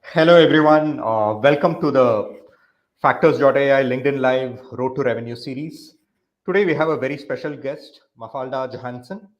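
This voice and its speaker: A man's voice: mid-range voice, moderate pace, lo-fi sound. A man in his thirties hosting a live business interview, talking in a loose, rambling way with many fillers. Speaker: podcast host.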